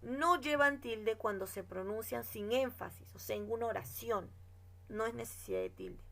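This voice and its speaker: A woman teaching a grammar lesson, her fairly high voice carrying a gravelly, creaky texture. She lays out each rule at an unhurried pace and reads example sentences aloud, often tagging a questioning "right?" to keep her class with her. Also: very animated, a bit bright. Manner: explains slowly, checks with "¿no?" and "¿de acuerdo?".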